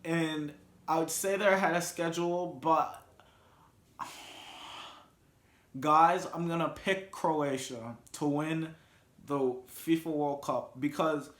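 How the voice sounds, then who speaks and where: Vlog host, male, slow-talking, slightly high voice, rambles and restarts, roomy echo. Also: steady tone, fairly bright tone. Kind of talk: casual sports and reality-show commentary.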